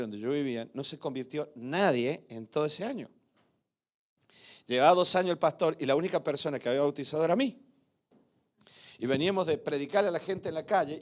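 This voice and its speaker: An older man, a pastor, preaching a sermon in a church through animated storytelling that swells to loud emphasis. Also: fairly high pitch.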